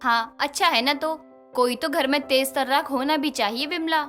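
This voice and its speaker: A woman's voice: high-pitched, moderate pace, soft background music. A fretful, scolding mother-in-law. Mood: warm. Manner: worried, scolding gently.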